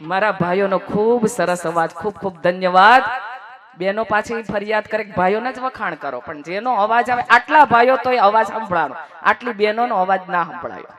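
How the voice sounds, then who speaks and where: A woman from Gujarat giving a devotional sermon to a large audience, lively, teasing the crowd and leading chants. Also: medium pitch, moderate pace. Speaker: religious storyteller.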